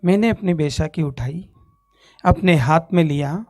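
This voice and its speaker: Man from Ajmer, India, church testimony speaker, animated storyteller who acts out the dialogue, dry sound. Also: fairly high pitch, a little slow, no room sound. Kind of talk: spoken testimony on stage. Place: church stage.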